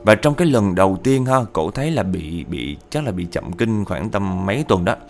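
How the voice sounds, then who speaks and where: Chatty storyteller. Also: male voice, low voice, sing-song, moderate pace, gravelly, darkish tone, faint music behind. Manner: chatty, addresses listeners directly. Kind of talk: casual ghost-story narration.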